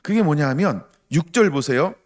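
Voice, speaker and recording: Male pastor, sermon, animated pitch, emphatic, questions to the congregation. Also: moderate pace. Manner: acts out quoted voices with sudden loud outbursts.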